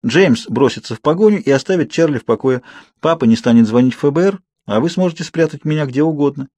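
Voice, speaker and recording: A man reading an audiobook voices a frightened, insistent teenage girl, raising his pitch and pleading. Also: animated, fast talker, a little mellow, no echo. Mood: urgent persuading.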